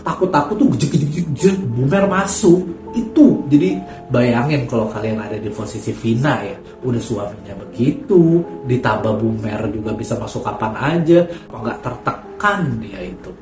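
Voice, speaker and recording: A man's voice: mid-range voice, animated, moderate pace. A man hosting a horror story channel, chatting casually and addressing his listeners directly. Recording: echoey room, faint music.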